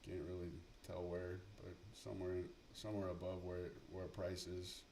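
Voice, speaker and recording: Low-voiced man mumbling trading commentary. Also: monotone, normal speed, mellow, slight background noise. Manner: profane, mumbling running commentary. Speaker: livestream day trader. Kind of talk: live market commentary.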